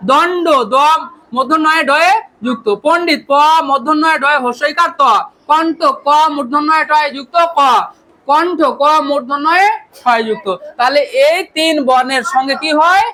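Teacher, high voice, patient question-and-answer drilling. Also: normal speed, sharp tone. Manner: asks questions and answers them, praising with "very good". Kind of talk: Bengali grammar lesson.

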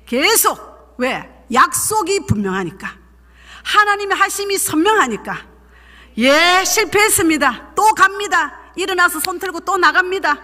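High, bright-voiced fervent woman preacher. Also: expressive, measured pace. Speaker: pastor's wife leading a seminar. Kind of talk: sermon testimony. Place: church sanctuary. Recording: echoey church hall.

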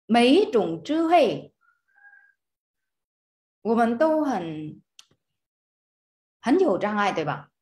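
A woman's voice: medium pitch, darkish tone. A woman giving a casual Buddhist study lesson, repeating words and restarting, often asking her listeners rhetorical questions. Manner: hesitant, repeats words and restarts, frequent fillers, chuckles. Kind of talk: casual spoken Dharma lesson.

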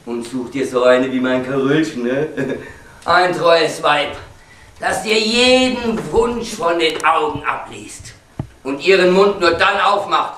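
A man's voice: takes it slowly, a bit bright, far from the mic, a little hiss or hum. A stage actor playing a henpecked husband who whines to his wife and brags on the phone, in a live stage comedy. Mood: boastful. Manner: wheedling to his wife, swaggering on the phone, sudden pitch leaps. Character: blustering henpecked middle-aged husband, boastful behind his wife's back. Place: theater stage. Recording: roomy theater stage miked from afar.

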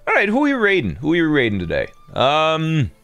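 Streaming a game, a tired and groggy young man chats casually, cracking jokes and rambling, drifting off mid-thought and restarting. His voice is on the high side with huge pitch swings, a little fast, a bit bright, and clear with a resonant tone.

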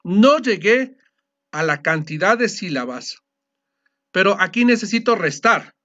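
A man teaching a class on verse and grammar, explaining step by step and often pausing to check that the students follow. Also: high-pitched, lively intonation, bright, forceful tone. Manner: explanatory, often checks understanding with a quick question. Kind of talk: classroom lecture. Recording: dull lo-fi recording.

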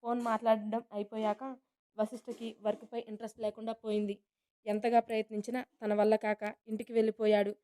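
A woman storyteller narrating a scripted family drama in an even, unhurried manner. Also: on the high side.

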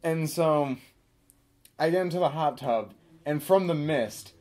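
A man casually telling a funny personal anecdote, animated and giggly, swearing freely and acting out his friends. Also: a little high, a little slow. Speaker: storyteller.

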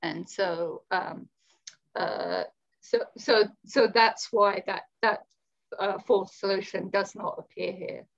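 A woman's voice: medium pitch, slow pace, gravelly, no echo. A woman answering questions after her talk on a video call, hesitant with many fillers. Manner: hesitant, many "um" and repeated words. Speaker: conference speaker answering questions. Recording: dull, muffled video call audio.

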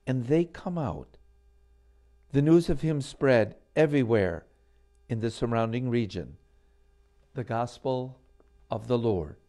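Older man preaching, mellow deliberate voice. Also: mid-range voice. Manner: deliberate, short phrases with pauses. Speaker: bishop, celebrant. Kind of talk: gospel reading and homily. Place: small chapel indoors.

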